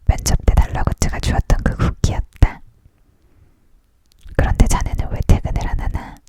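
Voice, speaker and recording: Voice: normal speed, dark tone, no echo. A person leaning in to whisper a storybook aloud as a whispered ASMR reading, entirely unvoiced. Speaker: audiobook reader.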